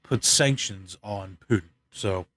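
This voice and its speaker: A man from the United States giving rambling, opinionated news commentary, tired and stuffed up, clearing his throat often. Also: fairly low pitch, slow pace, fairly bright tone, no room sound, clean studio sound. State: congested, stuffed up. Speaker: channel host. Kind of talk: casual news commentary vlog.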